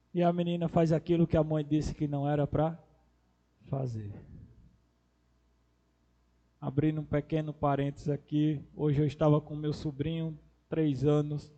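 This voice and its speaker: A man preaching with a fairly high voice. His delivery is impassioned. He rises to ringing cries, then drops to slow, soft words. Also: little pitch movement. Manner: impassioned, swinging between loud cries and soft, drawn-out words. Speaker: pastor. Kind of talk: expository sermon.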